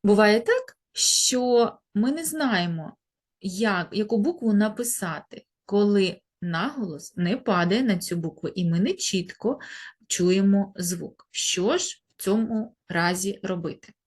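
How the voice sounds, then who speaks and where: Primary teacher, female, husky tone, patient lesson delivery with stretched-out example words. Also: mid-range voice, lively intonation, unhurried. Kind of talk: grammar lesson for children.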